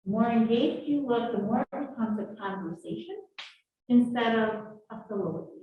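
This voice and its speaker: A woman's voice: fairly high pitch, normal speed. A woman instructor leading a live leadership workshop, drawing answers from the audience in a classroom. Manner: lively, coaxing audience answers. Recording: echoey room, distant muffled mic.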